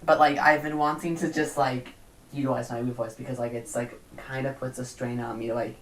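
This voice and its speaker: A woman speaking in her natural low register on a casual podcast. She talks softly and hesitantly. Her pitch sits near the bottom of the usual range for a woman. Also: little pitch movement, a little fast. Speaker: podcast co-host.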